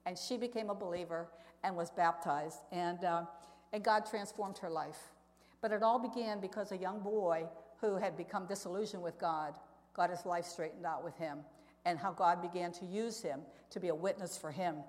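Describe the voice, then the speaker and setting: Her voice is fairly low and a little mellow, at normal speed. In an earnest, conversational testimony at church, this missionary speaker tells stories and poses questions to those listening, captured in an echoey hall with long reverb.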